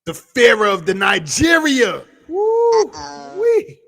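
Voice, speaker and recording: A man hosting a casual vlog, giving exuberant, slangy shout-outs to his viewers. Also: very high voice, wildly swooping pitch, takes it slowly, gravelly. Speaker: vlog host.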